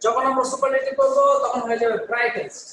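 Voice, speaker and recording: A man's voice: very high-pitched, little pitch movement, fast, a bit bright, echoey room, slight background noise, low-quality recording. A male teacher from Bangladesh giving an online class, explaining step by step, answering his own questions and correcting himself with "sorry". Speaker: English teacher.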